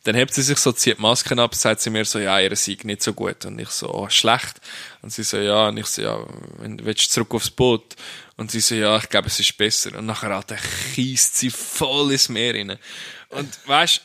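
A man's voice: fairly low pitch, steady tone, normal speed, vocal fry, bright, forceful tone. A young man with a Swiss German accent, a snorkel guide chatting casually and acting out the people in his stories. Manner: chatty storyteller, acts out quotes. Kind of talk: casual chat.

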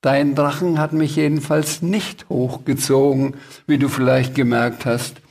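A man's voice: medium pitch, level tone, measured pace, creaky, a little mellow. A man voicing a cheeky, impatient, childlike creature in a brash, raised voice, for a children's story read aloud.

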